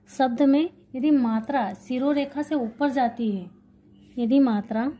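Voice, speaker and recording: In a slightly high, warm voice, a woman runs an exam-prep grammar lesson. She explains while writing, restates key points, and asks questions only to answer them herself.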